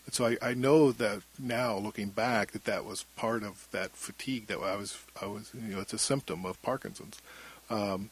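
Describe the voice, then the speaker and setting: A middle-aged man talks candidly as an interview guest. His voice is fairly low, thin and husky. He speaks in a halting, reflective way, as a storyteller would. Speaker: interview guest, former radio broadcaster.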